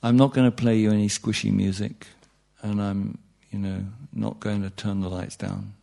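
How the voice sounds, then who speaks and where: A lowish, mellow voice with vocal fry delivers flatly at normal speed. The speaker, a meditation teacher, gives a group an informal spiritual talk, joking and checking in with listeners via "yeah?" and "you know."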